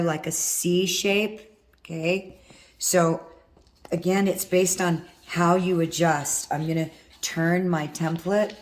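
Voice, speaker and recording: Her voice low, hoarse, and worn from vocal cord nodules, a husky middle-aged woman walks through a hands-on wire craft project one step at a time. She keeps chatting casually while she works.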